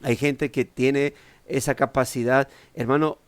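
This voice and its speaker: Smooth-voiced male preacher. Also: steady tone, a little slow, no room sound. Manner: conversational, acts out quoted people with shifting pitch. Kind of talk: sermon.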